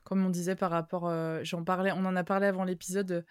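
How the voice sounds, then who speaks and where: A woman hosting a podcast in casual chat, with a tired, slightly strained voice and a Vendée accent, lively and laughing often. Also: on the low side, brisk, clean tone, no echo, studio quality. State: tired voice, throat worn. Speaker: podcast host.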